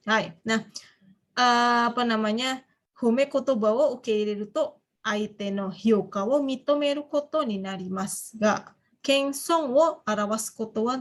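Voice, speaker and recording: With a voice that's a little high, a young woman runs an online language class. She's chatty and animated, weaving foreign phrases into her explanations and quizzing the students.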